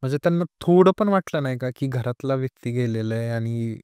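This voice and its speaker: A man's voice: medium pitch, expressive, fairly quick, warm tone, clear, resonant tone, no room sound, clean studio sound. A man hosting a podcast, putting in brief sympathetic remarks. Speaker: podcast host.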